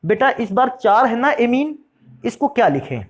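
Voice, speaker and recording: This man's voice is very high-pitched and sing-song, moving at a moderate pace. He teaches chemistry in a warm classroom style, answering his own questions and addressing students as "beta" and "bhaiya."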